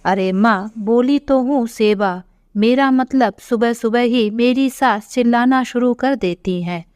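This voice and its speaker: Spoiled whiny daughter, read by a woman, resentful, slow, higher pitch, dull lo-fi sound. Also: a little mellow, clear, resonant tone, no echo, studio quality, lightly acted. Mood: complaining. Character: spoiled, complaining young married daughter. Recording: dull lo-fi recording.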